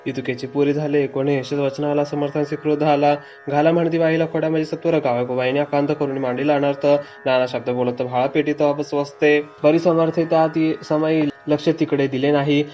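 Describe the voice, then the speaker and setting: A man reading a devotional scripture aloud in a steady, sing-song way, as a recitation. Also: on the high side, normal speed. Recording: dull lo-fi recording with faint music.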